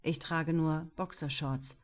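A woman reading a first-person story aloud with calm, measured delivery. Her voice is on the low side, and she takes her time over every phrase. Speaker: audiobook narrator.

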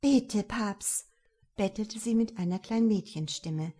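A woman voicing a bubbly, excitable young woman about to marry, speaking high and gushing in an audiobook. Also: unhurried, slightly rough. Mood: pleading girlish.

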